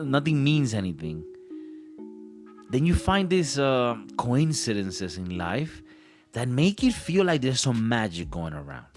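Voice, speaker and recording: A man in his thirties hosting a comedy podcast, rambling playfully and hamming up his delivery. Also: mid-range voice. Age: 30s. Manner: playful, rambling, hams up voices. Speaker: podcast host. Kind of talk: joking comedy podcast chat.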